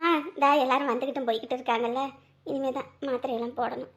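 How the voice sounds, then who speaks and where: A woman acting a tired village woman with a hoarse throat who answers quietly and wearily. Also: sits high, flat delivery, fast. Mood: weary. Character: tired village woman, worn out from feast work.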